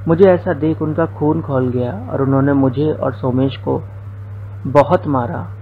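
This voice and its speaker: A man's voice: mid-range voice, measured pace, phone-quality sound, a little hiss or hum. A young man narrating a first-person story, with quoted dialogue folded into his telling.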